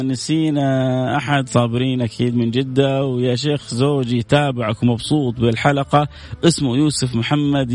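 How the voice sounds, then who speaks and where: A man hosting a live religious program, quickly reading out viewers' names and offering blessings with playful asides. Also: mid-range voice, a little mellow. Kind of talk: live broadcast reading viewer greetings and prayers.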